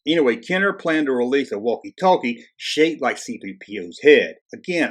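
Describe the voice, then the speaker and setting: As host of a video channel, a man narrates in a husky, unpolished, medium-pitched voice. He keeps it casual and conversational, like he's working from a loose script, and tosses in sarcastic, wisecracking asides along the way.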